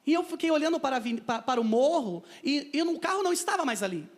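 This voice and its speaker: A man's voice: extremely high pitch, lively intonation, racing. A man with a Brazilian Portuguese accent, a missionary telling a personal testimony and acting out the dialogue in a vivid storytelling manner.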